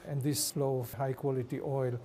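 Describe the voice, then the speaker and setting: A man with an Israeli accent giving formal, halting interview answers as an ambassador. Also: mid-range voice, level tone, dark tone. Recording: clear background noise.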